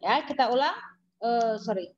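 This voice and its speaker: An Indonesian-accented woman runs a chatty, teasing English classroom lesson, answering her own questions. She speaks on the high side, expressively, at a moderate pace, and the lo-fi recording is dull.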